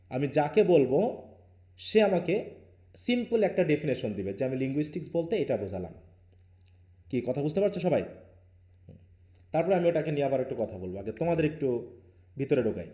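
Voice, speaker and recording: A man's voice: mid-range voice, dark tone. Lecturing man in an echoey room. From Bangladesh. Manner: firm, questioning, mixes Bengali with English. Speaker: university English teacher. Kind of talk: live online class lecture.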